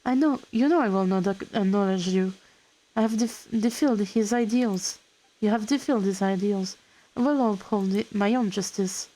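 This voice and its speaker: A woman's voice: mid-range voice, normal speed, warm tone, close to an everyday voice, low-quality recording. A woman reading aloud a stern male comrade who speaks in solemn, reproachful tones. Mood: defiant. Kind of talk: reading game dialogue aloud.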